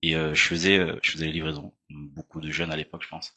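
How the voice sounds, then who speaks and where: A man, an entrepreneur guest in an interview, speaking hesitantly and softly, trailing off. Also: very deep voice, level tone, fast talker. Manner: hesitant, soft-spoken, trailing off. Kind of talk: casual interview.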